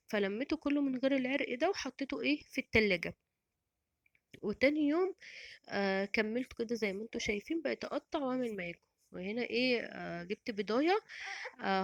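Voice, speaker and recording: A woman's voice: a little high, dry recording. A middle-aged woman with an Egyptian Arabic accent, chatting in a rambling, casual voice-over about her home cooking. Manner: chatty and rambling, many restarts and fillers.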